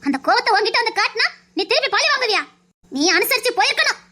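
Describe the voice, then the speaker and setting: A woman's voice: extremely high pitch, lively intonation, fast talker, sharp tone, full character voice. A woman voicing a stern, wise grandmother who lectures firmly, with a Tirunelveli Tamil accent. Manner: lecturing, firm, moralizing. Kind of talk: family drama acting.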